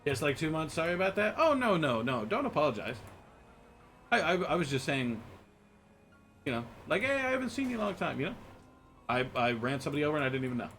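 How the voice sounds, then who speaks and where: An American man chats casually with viewers while streaming a game, rambling, joking and laughing, often stammering and restarting his words. His voice is a little high and a bit bright, with big pitch swings, a quick pace and frequent pauses. Soft music plays in the background.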